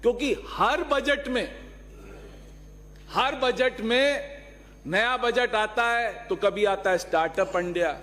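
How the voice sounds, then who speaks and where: Male lawmaker, high voice, combative floor speech with rhetorical questions, long hall reverb. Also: slow pace, pauses often, a bit bright. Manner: argumentative, rhetorical questions, mixes in English phrases. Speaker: legislator. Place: legislative assembly hall.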